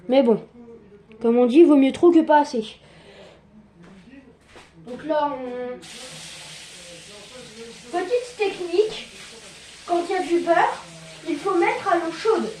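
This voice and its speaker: A young woman giving a casual cooking tutorial in her home kitchen, chatty and quick to joke about herself. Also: high-pitched, warm tone, slight background noise. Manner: chatty, joking, self-mocking asides.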